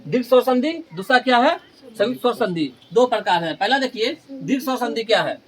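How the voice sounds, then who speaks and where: A man's voice: extremely high pitch, lively intonation, a little fast, a bit bright, slightly rough. A man teaching a grammar lesson in a classroom style, asking questions and then answering them himself, and repeating key terms.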